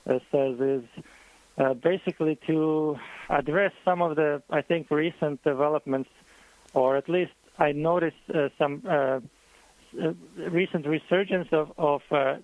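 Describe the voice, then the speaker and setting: A man answers interview questions over the phone. His voice is fairly high for a man and gravelly. He speaks hesitantly and thoughtfully, with many fillers. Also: fairly even intonation, measured pace, no room sound, narrow, tinny audio. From Croatia. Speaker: guest economist.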